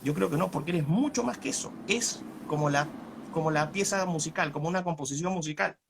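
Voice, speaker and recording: A man's voice: on the high side, fairly quick, gravelly, slight background noise. A man arguing his side in a live online debate over a video call, asking rhetorical questions. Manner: argumentative, asks rhetorical questions.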